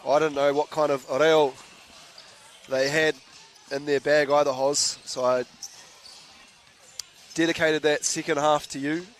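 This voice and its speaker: A man with a New Zealand accent doing live basketball commentary in a relaxed, chatty way, trading jokes with his co-host. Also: fairly high pitch, a little slow, pauses often, slight background noise. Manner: laid-back, chatty, laughs easily. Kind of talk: live sports commentary with banter.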